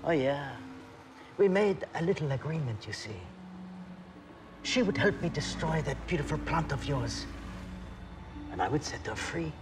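A man's voice: a little high, animated, a little slow, long pauses. An actor playing a smug, gloating middle-aged rival businessman in a film, theatrical and mock-polite. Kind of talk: film acting. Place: city canal street at night. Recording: noisy outdoor street ambience.

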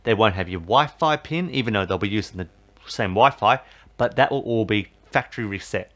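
In this casual how-to voice-over, a man with a fairly low, expressive and bright voice talks a little fast as he explains resetting a TV box. As a tech tutorial host, he rambles on with heavy fillers, saying "basically" and "obviously" again and again.

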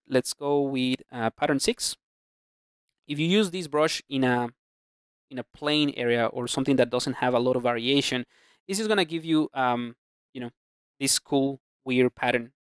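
A man narrating a screen-recorded 3D sculpting tutorial, talking through his brushes in a relaxed way with plenty of fillers and restarts. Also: medium pitch, clear, resonant tone, dry recording, clean studio sound. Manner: relaxed, thinking aloud with many fillers and restarts. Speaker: ZBrush instructor. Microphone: close mic, voice-over on screen capture.

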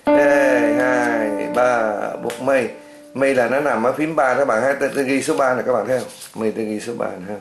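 A man's voice: medium pitch, fairly even intonation, very fast, hardly any pauses. A man teaching a beginner organ lesson, patiently counting beats and chanting note names. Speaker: music teacher. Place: music classroom indoors. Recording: echoey room with organ playing.

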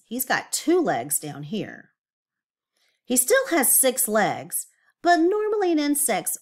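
A female teacher with a mid-range voice reads a picture book aloud to young children. Her delivery is expressive and deliberate, and she pauses to explain things and ask questions.

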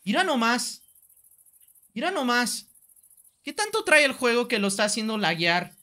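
Very high, bright and forceful, this young man's voice has lively intonation and a moderate pace. He has a Mexican Spanish accent and rambles playfully through a joking live game stream, swearing casually and repeating himself over faint background music.

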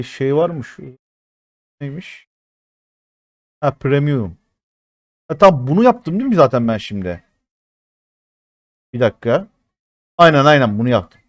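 A man in his thirties doing live-stream commentary as a mobile game streamer, excitable and chatty with his viewers, swearing often. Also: mid-range voice, unhurried, long pauses, dry recording, clean studio sound. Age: 30s.

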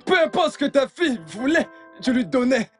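A man voicing a bumbling, excitable male house servant in a dubbed film, flustered and giggly by turns, given to loud wailing. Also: sits high, normal speed, faint music behind, lightly acted.

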